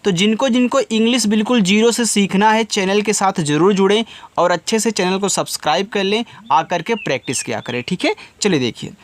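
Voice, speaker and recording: A man's voice: high voice, dry recording. A man giving a casual spoken English lesson as a teacher, patient and repetitive, often asking his listeners questions. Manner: patient, repeats each step, often asks listeners directly.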